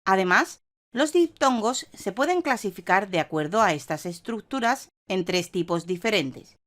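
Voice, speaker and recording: Animated Spanish woman teaching a lesson. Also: mid-range voice. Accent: Spanish (Spain). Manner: clear, measured teaching delivery. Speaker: online course narrator. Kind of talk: scripted narration.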